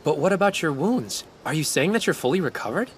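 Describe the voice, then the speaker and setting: A man's voice: on the high side, expressive, fast, slight background noise. A man voicing an earnest, unsure young hero in an anime English dub. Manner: earnest, hesitant and awkward.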